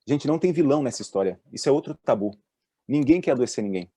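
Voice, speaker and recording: Man, Brazilian accent, doctor presenting, lively anecdotes, dry close sound. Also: medium pitch, quick pace, husky, no room sound. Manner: lively storyteller, voices the people in his stories. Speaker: doctor giving a talk on mental health at work.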